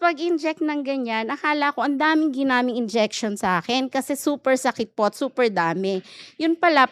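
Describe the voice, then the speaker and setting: Bright, clear-voiced woman giving testimony. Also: a little high, dry recording. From Philippines. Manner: chatty and respectful, with frequent polite particles. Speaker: church member giving testimony. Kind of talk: personal testimony at a prayer meeting.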